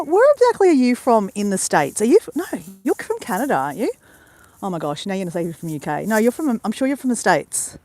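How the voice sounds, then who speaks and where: A woman's voice: a little high, darkish tone, no room sound. Bubbly Australian woman chatting on a beach. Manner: bubbly, rambling, talks to viewers. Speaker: vlogger on a live stream. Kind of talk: chatty live stream. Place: outdoors on a beach at sunrise. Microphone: handheld phone camera.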